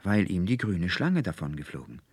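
A man voicing a young male student who talks in an excited, rhapsodic way in a read-aloud story. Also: sits low, moderate pace, breathy edge, no room sound, exaggerated voice. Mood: rapturous.

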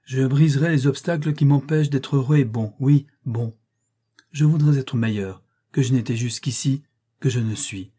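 A man reading the lines of a brooding, bitter middle-aged gentleman in a slow, declamatory way. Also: mid-range voice, breathy edge, natural voice. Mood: impassioned.

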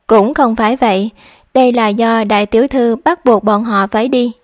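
A woman's voice: fairly high pitch, steady tone, moderate pace, dry recording, clean studio sound, close to an everyday voice. A woman voicing a scheming young maidservant who feigns worry, speaking in a pleading, confiding way. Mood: worried pleading.

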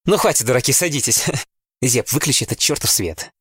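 A man's voice: medium pitch, animated, brisk, a bit bright, slightly rough, no echo, voice pushed up. A man reading an audiobook, voicing a curt, commanding young woman. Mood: scornful. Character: bossy sharp-tongued young woman.

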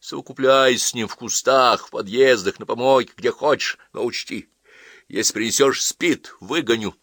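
A man reading an audiobook voices a cold, pious middle-aged mother who speaks with flat, icy calm. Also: mid-range voice, normal speed, dry recording, clean studio sound, voice pushed up. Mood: coldly calm.

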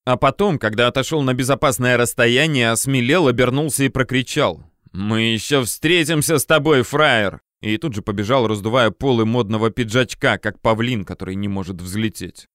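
A man's voice: mid-range voice, a little fast, hardly any pauses, fairly bright tone, no echo. A man reads a first-person audiobook with a wry storytelling manner into a close microphone. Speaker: audiobook narrator.

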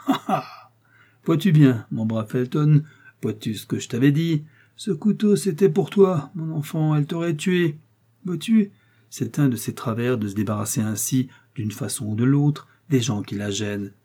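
A man's voice: medium pitch, lively intonation, moderate pace, mellow, breathy edge, pitched above the performer's own voice. A man voicing a scornful nobleman who taunts his prisoner with laughing sarcasm, in an audiobook reading. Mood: gloating. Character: mocking English nobleman, scornful jailer.

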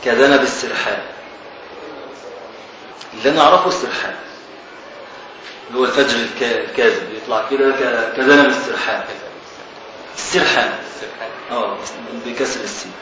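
This Egyptian Arabic–accented teacher sounds pushed and bright in his mid-range voice as he explains a classical legal text, questioning and teasing his students. The highs are cut off, and the distant mic captures heavy echo and a faint hiss.

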